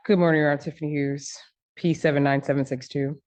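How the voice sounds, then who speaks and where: A woman's voice: deep voice, fairly even intonation, fast talker, a little mellow. A woman attorney answering a judge in a courtroom recording, speaking hesitantly and often filling gaps with "like". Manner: hesitant, uses fillers like "like". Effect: courtroom audio recording.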